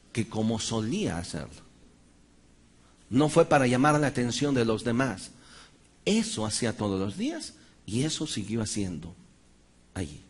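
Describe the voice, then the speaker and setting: A man's voice: lowish voice, slightly rough. A man preaching a sermon, emphatic and dramatizing Bible stories.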